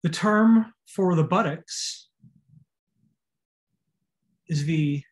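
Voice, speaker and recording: A man's voice: fairly high pitch, extremely slow. A man giving a recorded anatomy lecture over slides, spelling out and repeating terms and stressing how to pronounce them.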